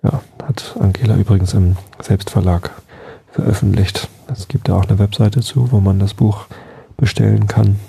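A man reads a bedtime story softly and without hurry. His voice is low and dark, with a husky, gravelly grain. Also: fairly even intonation, normal speed. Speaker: podcast host and reader. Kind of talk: calm bedtime story reading.

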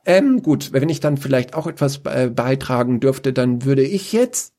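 A man voicing a clumsy, eager male dinosaur summoner who stammers and hesitates, with a husky voice. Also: mid-range voice, lively intonation, a little slow, dark tone, voice pushed up. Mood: hesitant.

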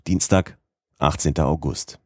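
Audiobook narrator: man, very low voice, measured first-person reading, dry close sound. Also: fairly even intonation, dry recording. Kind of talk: scripted narration.

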